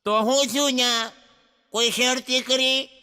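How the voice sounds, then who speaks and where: A man's voice: very high voice, fairly even intonation, pushed and bright, clear, resonant tone, pitched above the performer's own voice, full character voice. A man voicing a fussing old mother-in-law who keeps asking her daughter-in-law why she is crying. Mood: worried. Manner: anxious rapid questioning. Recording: echoey hall from far off.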